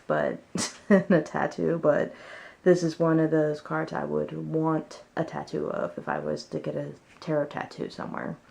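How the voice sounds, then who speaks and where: A woman's voice: deep voice, gravelly. A woman chatting casually at home as she presents her favorites in a vlog. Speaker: tarot deck reviewer.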